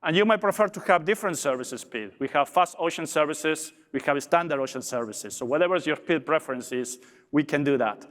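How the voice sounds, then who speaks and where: With lively intonation and a slightly high, somewhat bright voice, an Argentine man moves fairly quickly through an upbeat conference presentation as a logistics director. He makes small restarts and speaks with an Argentine Spanish accent, and the big hall echoes with long reverb.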